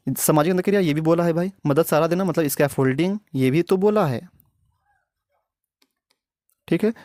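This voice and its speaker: A man's voice: a little high, a little mellow, no room sound, clean studio sound. A man teaching an exam prep lesson online. He explains step by step, repeats key terms and often stops to check with the class. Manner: repetitive, explanatory, often checks with "theek hai".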